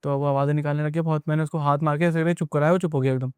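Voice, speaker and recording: A man's voice: on the high side, fairly even intonation, very fast, a little mellow, clear, resonant tone, dry recording. A young man casually recounting an experience as a guest, rambling and repeating himself as he tells it. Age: young adult. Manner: rambling, repetitive retelling with many asides. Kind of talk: casual spoken storytelling.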